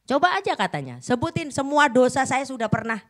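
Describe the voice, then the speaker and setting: A middle-aged woman preaching a sermon, telling a story dramatically and swinging between loud bursts and hushed lines. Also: high-pitched, sing-song, a little fast.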